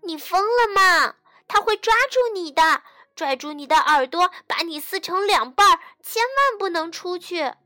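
A woman voicing a small, timid bunny child who sounds frightened and shrill. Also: expressive, unhurried, bright, forceful tone, full character voice. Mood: panicked.

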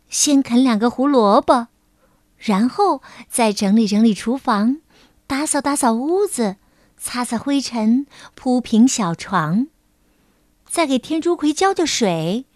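A woman teacher narrating a children's picture book in a gentle, measured storytelling manner. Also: a little high, expressive, no echo, studio quality.

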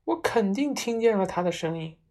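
A woman voicing a clever, bold little girl who hushes and shouts in turns. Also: low-pitched, expressive, normal speed. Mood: scheming. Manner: hushed at times, then boldly shouting.

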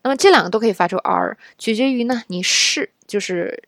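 A woman's voice: medium pitch, brisk, creaky, fairly bright tone, no echo, clean studio sound. A woman from China teaching English pronunciation in a casual spoken lesson, explaining patiently and often checking in with the listener.

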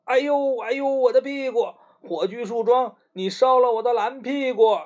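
A man voicing a small, eager ice melon plant in a children's story, higher and excited. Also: normal speed, close to an everyday voice. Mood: whiny. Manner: higher, excited, whiny when hurt. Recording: muffled lo-fi recording.

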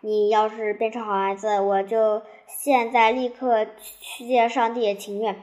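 A woman's voice: a little high, little pitch movement, a little mellow, close to an everyday voice. A woman doing a tearful old grandmother. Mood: pleading. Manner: pleading, slow and tearful. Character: elderly grieving grandmother, anxious and stern. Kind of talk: storybook reading. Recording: dull lo-fi recording.

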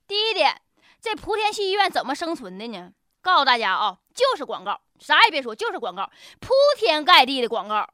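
A woman's voice: sits high, very animated, a little fast, sharp tone, no echo, clean studio sound, soft background music. A woman with a Northeastern Chinese accent hosting a comedic news commentary show in a colloquial, joking, exaggerated way. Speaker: radio show host.

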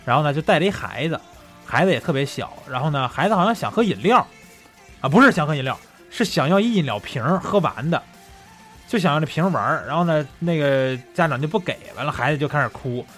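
A man's voice: on the high side, animated, fast, fairly bright tone, soft background music. A man co-hosting a podcast in casual chat, laughing easily and prompting his partner. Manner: chatty, laughs easily, prompts the other host. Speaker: podcast co-host.

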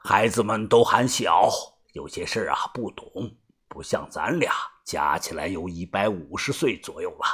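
A man doing a soft-spoken old gang boss. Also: low-pitched, animated, breathy edge, pitched below the performer's own voice, exaggerated voice. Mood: placating. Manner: soft, slow, placating. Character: calm old male gang leader, soothing elder.

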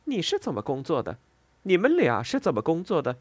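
Indignant young woman worker voiced by a man, sharp, lively intonation, storybook reading. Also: medium pitch, fast, creaky, slightly rough, no echo, voice pushed up, exaggerated voice. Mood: challenging.

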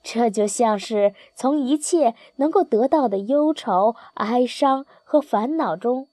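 A woman reading a children's storybook aloud in a gentle, expressive storytelling manner. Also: a little high, slow pace, no room sound. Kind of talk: scripted children's story narration.

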